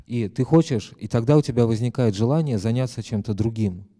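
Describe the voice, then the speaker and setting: A man's voice: mid-range voice, fairly quick, warm tone. A man interpreting a lecture live, hesitant, with many fillers and self-corrections.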